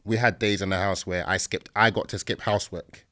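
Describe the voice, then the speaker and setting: A man's voice: deep voice, fairly even intonation, brisk, bright, forceful tone. A man with a south London accent telling his own story casually as a podcast guest, in a conversational, matter-of-fact way. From south London, England.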